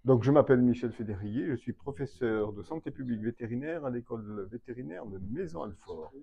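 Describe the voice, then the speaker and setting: A man's voice: medium pitch, a little fast, gravelly. A man, a veterinary public health professor, explaining his field in an interview with many hesitations and fillers, recorded with dull lo-fi sound. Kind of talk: expert interview answer. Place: trade fair hall.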